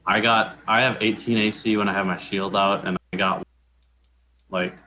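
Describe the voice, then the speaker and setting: Low-voiced man chatting with faint hiss. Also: little pitch movement, normal speed, bright, forceful tone, poor audio. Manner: hesitant, full of restarts and fillers. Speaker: tabletop game player. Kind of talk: casual chat after a game session.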